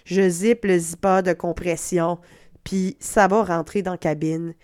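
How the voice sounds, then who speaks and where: With a fairly low, darkish voice, fairly even intonation, and a measured pace, this middle-aged podcast host from Quebec talks in a Québécois French accent. Her casual monologue is chatty and self-mocking, with swearing sprinkled throughout.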